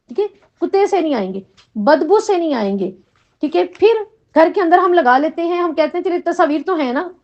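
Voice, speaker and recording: A middle-aged woman teaching a Quran lesson to a class, often asking questions and checking in with "right?". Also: high-pitched. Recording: dull lo-fi recording.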